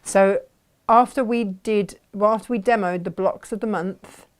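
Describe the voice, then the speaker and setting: A woman's voice: medium pitch, moderate pace. A woman co-hosting a live craft show, chatting playfully and reading out viewer comments.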